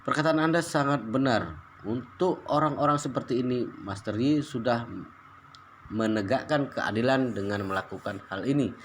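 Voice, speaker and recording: A man's voice: mid-range voice, moderate pace, a little hiss or hum, natural voice. Stern male henchman for a storybook, read by a man in his own voice; menacing to enemies, fawning to his master. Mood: deferential. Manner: threatening, then deferential. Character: stern loyal male underling, harsh to foes.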